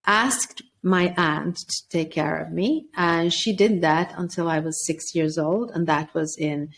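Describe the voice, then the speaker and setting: Reflecting on her life as a podcast guest, a Swedish author aged 40 or older speaks in an earnest, considered way and often restarts her sentences. Her voice is fairly low and her pace measured. A slight hiss or hum is audible.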